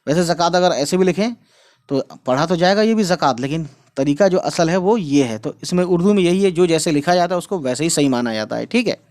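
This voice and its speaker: A man's voice: fairly high pitch, expressive, a little fast, a little mellow. A man teaching an Urdu textbook lesson, patiently spelling out letters and checking in often. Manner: patient, repeats words and checks with "theek hai". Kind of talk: explaining a textbook lesson to camera.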